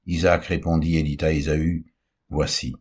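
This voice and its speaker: A man giving a measured, solemn scripted reading of the Bible. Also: low-pitched, animated, darkish tone, slightly rough. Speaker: Bible reader.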